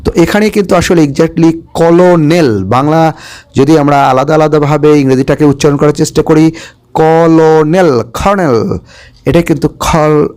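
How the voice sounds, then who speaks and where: Man spelling English words out slowly. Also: fairly high pitch, steady tone, a little mellow, clear, resonant tone. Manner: spells words letter by letter, slow and careful; explains Bengali meanings, checks with "okay?". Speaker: English teacher. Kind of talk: spelling lesson.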